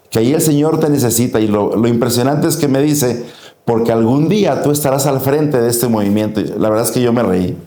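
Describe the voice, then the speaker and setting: A man's voice: mid-range voice, mellow, reverberant. A middle-aged Mexican man with a Mexican Spanish accent, giving an earnest personal faith testimony and acting out the dialogue as he tells it.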